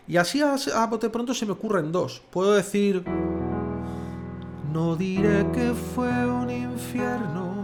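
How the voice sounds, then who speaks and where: A man from Spain with a Spanish accent, teaching songwriting in a casual video lesson, chatty and demonstrative. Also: a little high. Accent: Spanish, from Valencia. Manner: chatty, demonstrative, sings and speaks lyrics slowly in rhythm. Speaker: music theory teacher.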